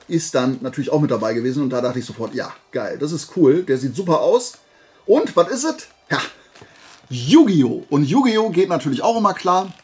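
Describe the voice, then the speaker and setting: A man with a medium-pitched, slightly rough voice talks casually to viewers as a video creator showing off his flea market finds. His chat is colloquial and playful, and he keeps wandering into little digressions.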